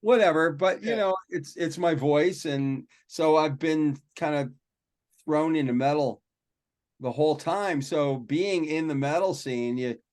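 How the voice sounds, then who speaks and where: Here the same kind of guest, a male rock and metal vocalist, spins self-deprecating, meandering anecdotes in a laid-back podcast chat. He pitches a bit high and talks a little slowly.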